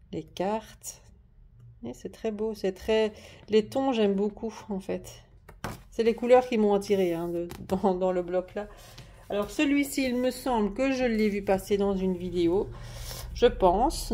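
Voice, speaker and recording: Chatty French woman with a mellow voice. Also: medium pitch. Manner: chatty, hesitant, many fillers and restarts. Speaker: craft haul vlogger. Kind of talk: casual show-and-tell vlog. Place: at home at a desk. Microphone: camera on the desk, moved closer and back.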